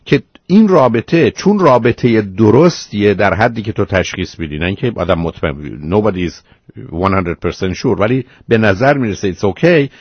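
A man's voice: lowish voice, lively intonation, slightly rough, dry recording, dull audio. A man hosting a call-in advice show, lecturing a caller patiently but firmly and calling her dear. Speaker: radio advice host.

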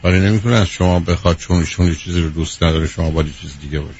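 A man's voice: deep voice, a little mellow, lo-fi sound, a little hiss or hum. A man hosting a call-in advice show, blunt and direct, firing questions at the caller. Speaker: radio advice host.

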